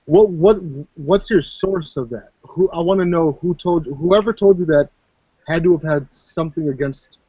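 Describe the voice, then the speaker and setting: A man's voice: fairly high pitch, normal speed, warm tone, slightly rough, no room sound. A man from Minnesota in casual chat, talking brashly and profanely, rambling about big ideas. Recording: dull, lo-fi voice chat.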